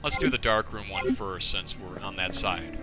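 Over game music, a deep-voiced let's play commentator talks at a normal speed, cursing and wandering casually through a video game as he loses his voice. The audio quality is poor.

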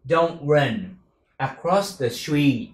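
A man teaching English pronunciation, drilling each word again and again at an unhurried, deliberate pace. His voice sits a little on the higher side for a man. The room around him is echoey. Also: animated. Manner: repeats words slowly and carefully, syllable by syllable. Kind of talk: pronunciation lesson with repeated drills.

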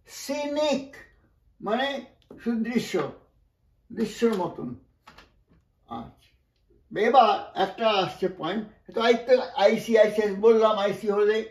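A man's voice: high voice, darkish tone, echoey room. A man from West Bengal teaching English pronunciation, patiently explaining word by word with frequent asides. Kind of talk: spoken classroom lesson.

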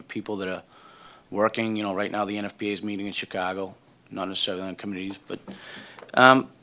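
A man's voice: lowish voice, fairly bright tone. A man testifying as a witness at a public hearing, earnest and using fillers.

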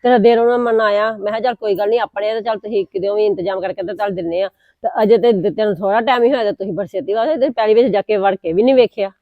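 A woman plays a persistent Punjabi village neighbour, aggrieved and complaining at a very fast clip. The sound is dull and dry. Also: mid-range voice, fairly even intonation, no echo, lightly acted. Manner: rapid complaining. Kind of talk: village drama acting.

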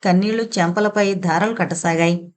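Woman reading an audio novel, lowish voice. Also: normal speed. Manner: steady storytelling.

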